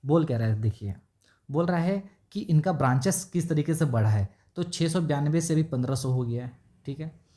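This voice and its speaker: A man talks through a company's stock figures in a relaxed, conversational way. He reads numbers slowly off a screen, with filler pauses. He keeps checking that the listener is following. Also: a little high. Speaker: stock market YouTuber. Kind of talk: casual explanatory stock analysis with screen share.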